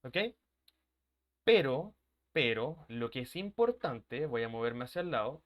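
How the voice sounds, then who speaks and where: A man teaching an English class, walking his students through each step and pausing often to check that they follow. His voice sits at an ordinary middle pitch. Now and then he drifts off the mic as he turns to the board. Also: lively intonation. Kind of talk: online class lecture.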